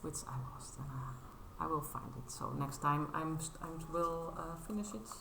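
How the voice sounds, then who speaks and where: A Dutch woman in her thirties, a native speaker, chats casually in English on her crafting vlog, showing off her work. Her voice is low and creaky at a moderate pace, hesitant with lots of fillers and restarts, modest and apologetic in tone. The recording is reverberant with background noise.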